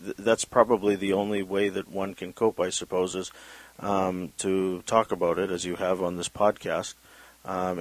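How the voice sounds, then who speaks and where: A man's voice: low voice, dry recording, rough recording. A man conducting a conversational interview, framing his questions tentatively and often repeating words as he goes. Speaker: podcast interviewer.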